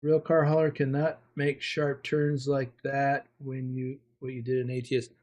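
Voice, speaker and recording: An older man streaming a trucking game, chatting casually in a relaxed, unhurried way as he greets viewers and answers their comments. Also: medium pitch. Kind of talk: casual live-stream commentary while playing.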